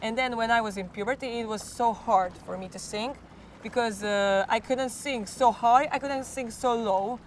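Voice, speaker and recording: Here a Croatian girl in her teens, a klapa singer, gives interview answers in hesitant, accented English, hunting for words and occasionally falling back on her own language. The voice is mid-pitched and a bit rough, backed by faint hiss.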